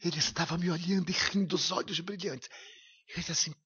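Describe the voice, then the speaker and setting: A man's voice: high voice, steady tone, fairly quick, fairly bright tone, slightly rough. A man giving a lecture, telling a personal story with emotion and vivid detail. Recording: lo-fi radio recording.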